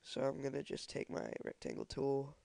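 A young man walks through a computer tutorial, his voice stuffy from a cold and edged with fry. He hesitates often with ums and uhs. The sound is dry and close. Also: mid-range voice, wildly swooping pitch, moderate pace, warm tone, no room sound. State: congested from a cold. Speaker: software tutorial maker. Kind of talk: screen-recorded tutorial.

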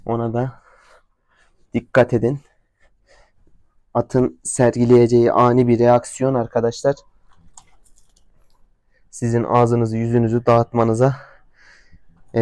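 A man recording a casual vlog outdoors at a horse stable, explaining horse care in a slow, steady way. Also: medium pitch, no echo. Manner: slow, coaxing and calling out to a horse, scolding it. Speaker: horse owner vlogger.

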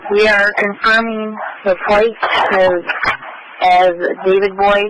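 A man's voice: sits high, little pitch movement, slow. A man dispatching over police radio, giving clipped, formulaic procedural announcements and reading out details in code. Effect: police radio transmission. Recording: noisy police radio scanner audio.

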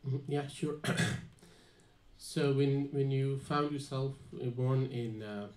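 Speaking slowly in a steady, slightly mellow medium-pitched voice, this young man from Gaza, Palestine shares his personal story as a student guest on a panel. He hesitates often, restarting and using many fillers, while the small dim room with its live audience echoes around him.

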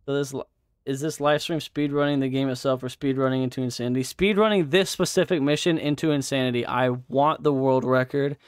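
A man's voice: mid-range voice, fairly even intonation, fairly quick, smooth, no room sound, studio quality. A young man live-streaming a game, chatting casually with viewers, swearing and laughing as he plays. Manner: swears and laughs often, reacts loudly to gameplay.

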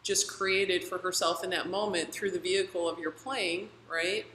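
A woman's voice: fairly low pitch, fairly even intonation, normal speed, a bit bright, echoey room, a little hiss or hum, rough recording. A woman interviewing her guests, affirming and reflective, who often checks in with "right?". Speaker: interviewer and sound healer. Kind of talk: conversational interview.

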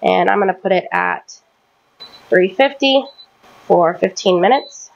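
Cooking in her home kitchen, a woman in her thirties rambles through casual chat and fixes her own words as she goes. She speaks unhurriedly in an animated, creaky mid-range voice, recorded with lo-fi sound.

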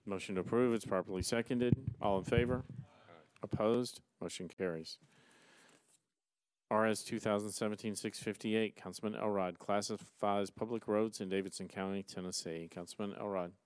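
A middle-aged man chairing a council meeting, reading resolutions aloud in a brisk, formal way from a desk mic. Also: lowish voice, fairly even intonation, clear, resonant tone, dry recording. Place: large council chamber, seated at dais. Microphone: desk gooseneck mic.

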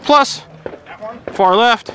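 A man hosting a casual talk outdoors at a shooting range, walking through a course in a quick, animated way. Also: very high voice, slight background noise. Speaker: host. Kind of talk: casual range chat and stage walkthrough.

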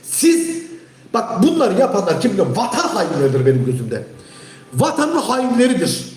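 A man hosting a live stream, ranting heatedly at his chat and often shouting. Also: high-pitched, huge pitch swings, normal speed, reverberant. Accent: Turkish. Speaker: livestream host. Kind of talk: angry live-stream rant.

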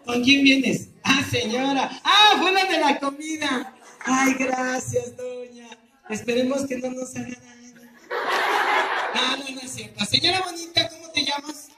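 High-voiced Mexican street clown man. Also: measured pace. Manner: loud, teasing, calling out to the audience. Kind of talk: outdoor clown comedy show with crowd. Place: outdoor public square. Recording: echoey, distant and noisy.

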